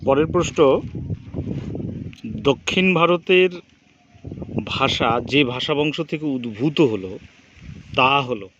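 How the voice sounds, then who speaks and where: A man's voice: medium pitch, takes it slowly, pauses often. Man drilling exam questions, muffled. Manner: reads each question then its answer, steady drilling rhythm. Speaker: teacher. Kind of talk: exam quiz review lesson. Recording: dull lo-fi recording, faint background noise.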